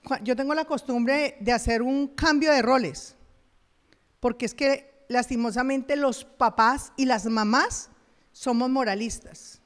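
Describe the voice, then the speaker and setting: A middle-aged Colombian woman delivering a sermon from the pulpit, her voice pitched high. She is animated, acting out everyday dialogues and laughing at herself. The recording carries a long reverb from the church hall. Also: measured pace. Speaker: pastor.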